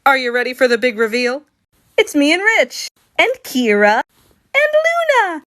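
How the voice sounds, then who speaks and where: A woman's voice: a little high, expressive, normal speed, a bit bright. A woman artist chatting through her drawings in a casual vlog, bubbly, giggly and playfully dramatic. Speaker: artist and video creator.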